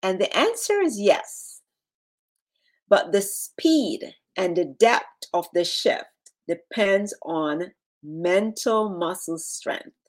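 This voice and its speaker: Slow-speaking woman guiding a relaxation exercise. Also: mid-range voice. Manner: slow, measured, instructional delivery with pauses. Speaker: relaxation and mental fitness coach. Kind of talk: guided relaxation exercise and coaching talk.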